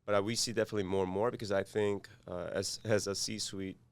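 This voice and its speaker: A man from South Korea with a Korean accent, a podcast guest speaking haltingly with many fillers and restarts. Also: lowish voice, level tone, clear, resonant tone. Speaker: guest, cybersecurity firm founder. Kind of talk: podcast interview.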